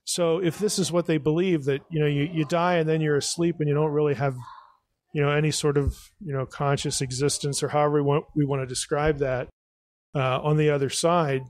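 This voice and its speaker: A man's voice: on the high side, little pitch movement, a little fast, no echo. Man thinking aloud at a live Q&A. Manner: thinks aloud, restarts, leans on "again" and "you know". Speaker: podcast host answering audience questions. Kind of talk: live audience Q&A explanation. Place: live event before an audience.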